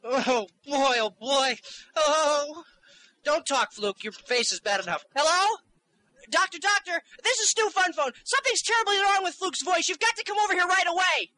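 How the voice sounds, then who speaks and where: Bossy, squeaky young man. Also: lively intonation, normal speed, pushed and bright, no room sound, exaggerated voice. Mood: worried. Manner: bossy, impatient, sarcastic. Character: bossy, impatient nineteen-year-old male schemer with unbroken high voice. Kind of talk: comedy sketch acting.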